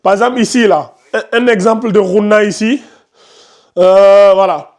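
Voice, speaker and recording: High-voiced male tajwid teacher. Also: normal speed, darkish tone. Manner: firm, scolds chatty students and asks the class questions; explains patiently with many repetitions. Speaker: Quran recitation teacher. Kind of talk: classroom tajwid lesson.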